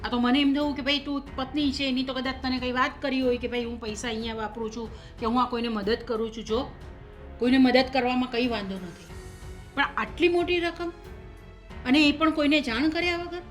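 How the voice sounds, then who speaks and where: An actress voicing a middle-aged mother-in-law who keeps pressing and listing grievances. Her voice sits a little high and firm. A soft score plays under the scene of this family drama. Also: steady tone, brisk, close to an everyday voice. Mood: stern. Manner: accusing, insistent, lists sums and grievances. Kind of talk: short-film drama acting. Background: soft background music.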